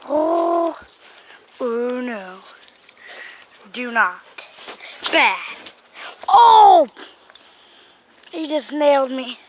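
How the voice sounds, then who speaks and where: A woman hosts a casual pet vlog, talking to her cats in a slow, coaxing way. Her voice sits a little high. A faint background noise runs under the recording. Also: animated, fairly bright tone. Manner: coaxing talk to pets, laughing. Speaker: vlogger.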